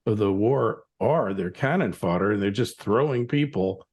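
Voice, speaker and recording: A man's voice: lowish voice, normal speed, a little mellow. A middle-aged American man hosting an interview podcast, chatting in a rambling, opinionated way. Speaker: podcast host. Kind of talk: conversational interview.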